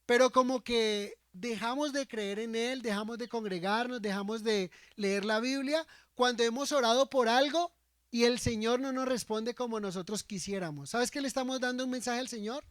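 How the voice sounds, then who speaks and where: A man's voice: very high voice, normal speed, fairly bright tone, no room sound. A man preaching a sermon as pastor, often asking the congregation rhetorical questions and acting out quoted speech from scripture.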